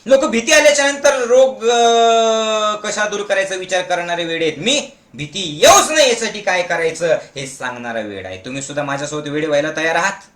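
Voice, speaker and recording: A man leading a motivational meditation camp, forcefully urging his listeners to shout back, mixing in Hindi and English phrases. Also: high voice, expressive, a little fast. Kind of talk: motivational speech to an audience. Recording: echoey room.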